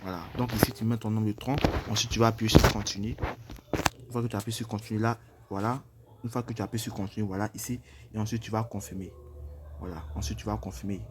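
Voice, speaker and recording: A man's voice: lowish voice, fairly even intonation, fast talker, very noisy. A man casually walking through an app tutorial step by step, hesitant and repeating himself with frequent fillers. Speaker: crypto tutorial presenter.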